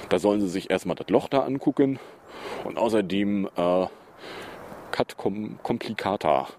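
Rambling man with a low, mellow voice. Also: slight background noise. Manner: chatty, rambling, with many fillers and self-corrections. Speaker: podcast host. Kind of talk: casual personal podcast monologue.

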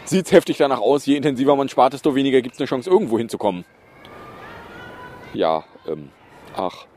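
A man's voice: mid-range voice, lively intonation, fairly quick, a little mellow, slight background noise. A man hosting a podcast, reading news items and adding sarcastic, mocking asides in a loose, hesitant way. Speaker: podcast host.

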